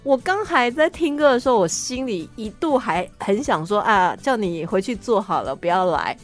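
A woman with a Taiwanese Mandarin accent hosting a casual chat in a playful, self-mocking way, quick to laugh. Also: mid-range voice, big pitch swings, faint music behind. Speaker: show host.

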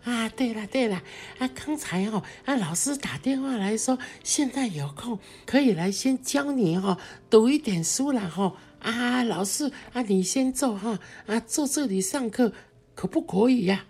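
Storybook grandma, elderly, flustered and hospitable, high and jumpy; voiced by a woman narrator. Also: lively intonation, moderate pace, darkish tone, slightly rough. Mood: eager. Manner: hesitant, full of fillers and repeated words.

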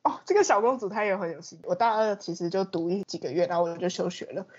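A woman's voice: on the low side, quick pace, darkish tone, breathy edge, highs cut off. A young woman with a Taiwanese accent co-hosting a podcast in a chatty, teasing, colloquial way. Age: young adult. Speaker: podcast co-host. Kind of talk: casual chat.

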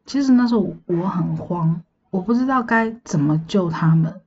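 A woman, casually telling a dream story on her podcast in a chatty, meandering way, often pausing to recall details. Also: lowish voice, lively intonation, darkish tone, lo-fi sound, slight background noise. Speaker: podcast host.

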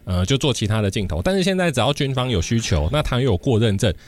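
Lively, quick Taiwanese male co-host. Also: medium pitch. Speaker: co-host of a stock market show. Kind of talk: conversational hosting.

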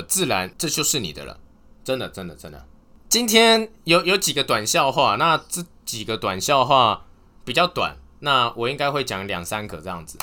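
A man talks alone on his podcast, his pitch jumping up and down a lot. His voice is bright and forward. He moves from sincere advice to corny jokes that he laughs at himself. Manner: earnest advice, then telling corny jokes and laughing at them. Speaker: podcast host. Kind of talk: casual solo podcast talk.

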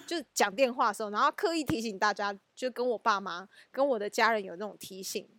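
A woman's voice: mid-range voice, fast, dry recording. A woman with a Taiwanese Mandarin accent co-hosting a podcast in casual chat. She talks animatedly and laughs often. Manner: animated, laughs often, acts out family scenes. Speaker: podcast co-host.

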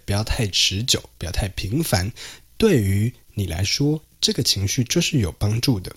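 A man with a husky, low voice hosts a solo podcast, explaining research in an easygoing, conversational way. His pitch moves a lot as he talks, and he drops in fillers and English terms. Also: fairly bright tone. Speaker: podcast host.

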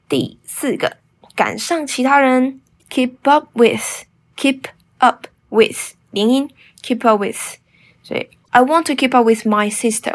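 A woman hosts a bilingual English speaking lesson. She slows down to model English pronunciation and then explains quickly. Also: a little high, breathy edge. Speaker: English teacher and podcast host.

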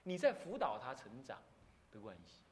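A middle-aged man with a Taiwanese Mandarin accent, a Buddhist abbot giving a sermon, animated and full of rhetorical questions and laughter. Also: mid-range voice, moderate pace. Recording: lecture hall with long reverb.

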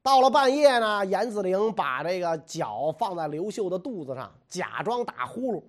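A man's voice: sits high, sing-song, normal speed. A man telling history stories in a chatty, jokey, colloquial way. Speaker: storyteller. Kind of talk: casual history storytelling.

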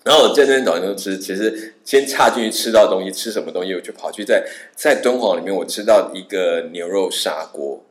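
A man with a low voice tells a travel story in casual chat. He talks fast and his pitch swings a lot as he acts out the people in it. The room around him sounds echoey. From Taiwan. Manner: animated, acts out the people in his stories with a raised voice. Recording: roomy reverberant sound.

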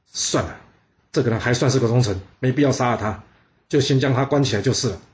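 A man voicing a vengeful ancient male commander who mutters his thoughts in a low, musing way. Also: quick pace, darkish tone, natural voice.

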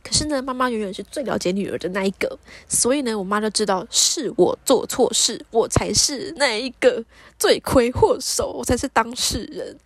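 Brief: an animated woman podcaster with a higher voice, recounting a dream on a dry, close mic. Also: normal speed, no echo. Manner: animated, acts out the dialogue. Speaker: podcast host. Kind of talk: casual storytelling about a dream.

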